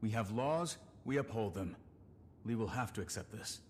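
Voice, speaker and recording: Man as stern, lowish-voiced lawman. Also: animated, normal speed, close to an everyday voice. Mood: stern, resolute. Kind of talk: video game voice acting. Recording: long reverb, faint background noise.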